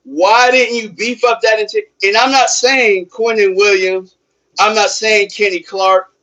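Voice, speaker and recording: A man with a high-pitched voice talks through sports opinions as he exercises on a treadmill. He is casual and emphatic, leaning on repeated phrases and rhetorical questions like a livestream host. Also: little pitch movement, measured pace, pushed and bright, rough recording. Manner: talking while exercising on a treadmill.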